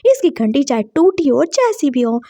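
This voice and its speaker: A woman's voice: sits high, big pitch swings, moderate pace, mellow, no echo, studio quality. A woman doing an indignant young man. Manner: scolding, indignant.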